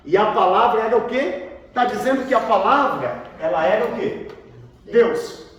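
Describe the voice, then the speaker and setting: Heard from a distance in a big, reverberant room with faint noise, a Brazilian pastor leads a Bible lesson for his students. His high-sitting voice is expressive and a bit bright at a moderate pace, and he quizzes the class, frequently repeating what they answer, in a Brazilian Portuguese accent.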